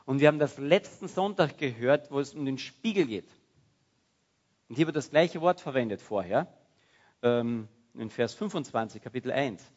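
A man preaching a sermon in a lively, conversational way. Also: mid-range voice, moderate pace, dull audio. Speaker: pastor.

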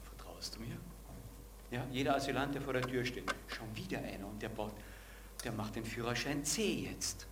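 A man's voice: medium pitch, a little fast, background noise. A man preaching a sermon and asking the congregation direct questions.

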